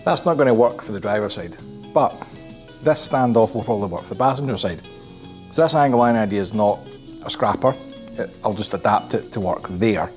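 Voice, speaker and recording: Man, lowish voice, solo garage build vlog, muttering, wry. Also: lively intonation, a little fast, faint music behind. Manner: muttering, self-deprecating, swears under breath. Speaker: kit car builder. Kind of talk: workshop build vlog, thinking aloud. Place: home garage workshop.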